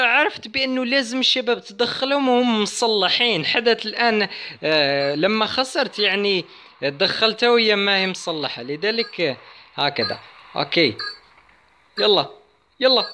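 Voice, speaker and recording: Excitable male gamer, high lively voice. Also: moderate pace, long pauses. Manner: excitable, chatty, addresses viewers, yelps at game moments. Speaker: gaming channel host. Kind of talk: excited let's-play commentary.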